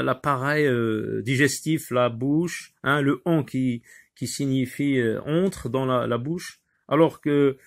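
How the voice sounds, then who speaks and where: Hesitant male teacher explaining poetry. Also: medium pitch. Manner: hesitant, many fillers and restarts; explains with wordplay examples, lively emphasis. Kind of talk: recorded French lesson on poetry.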